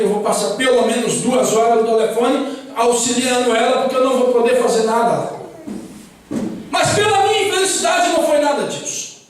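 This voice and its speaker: High-voiced man preaching in an echoey hall. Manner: dramatic storytelling, acting out quoted dialogue. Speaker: preacher giving testimony. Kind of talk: sermon testimony. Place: church hall. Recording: very echoey hall, voice far from mic.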